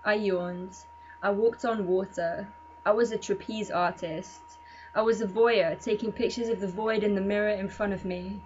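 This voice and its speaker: A woman's voice: mid-range voice, steady tone, normal speed. Woman reading poetry in a muffled recording. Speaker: poet. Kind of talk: spoken word poetry reading. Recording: muffled lo-fi recording with faint hum.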